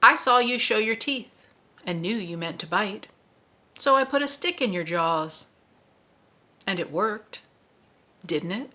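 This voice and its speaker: A woman reading aloud as a stern male gunslinger, calm and measured. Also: mid-range voice. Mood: patient, stern. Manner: calm, measured, matter-of-fact.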